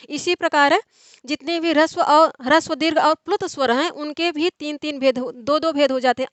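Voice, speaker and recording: In an online exam-prep lecture, a young woman with a high, somewhat bright voice explains material one step at a time, answering the questions she raises. The recording has no echo.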